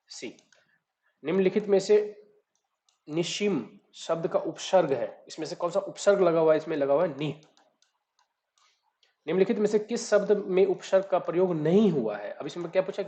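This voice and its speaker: A man's voice: a little high, warm tone. A man tutoring, reading out each exam question and then explaining the answer step by step. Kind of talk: exam solution walkthrough. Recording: dull lo-fi recording.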